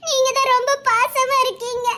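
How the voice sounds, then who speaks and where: A woman's voice: extremely high pitch, little pitch movement, normal speed, pushed and bright. A young woman with a Tirunelveli Tamil accent playing a naive, frightened girl who pleads in a teary, hesitant voice. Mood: tearful. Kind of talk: web drama acting.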